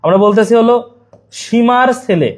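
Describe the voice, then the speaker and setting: High-voiced man teaching exam prep. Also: moderate pace. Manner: chatty, explains with playful memory tricks.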